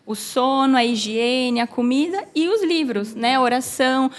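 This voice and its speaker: A woman, a mother of three chatting on a podcast in a lively, explanatory way. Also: high-pitched, a little slow. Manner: lively, explanatory, sprinkles talk with "né" and "assim". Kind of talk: casual podcast chat.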